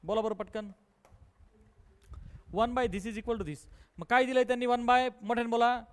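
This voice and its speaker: A man with a Marathi accent teaching a maths class live, coaxing and prodding his students to answer quickly. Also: very high voice, fairly even intonation, clear, resonant tone.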